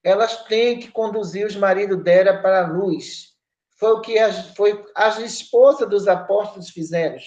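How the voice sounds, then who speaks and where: Brief: woman, spiritual counselor, scolding and emphatic, mid pitch, roomy dull recording. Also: moderate pace, darkish tone. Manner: scolding, emphatic, frequent tag questions. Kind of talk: spiritist study podcast talk.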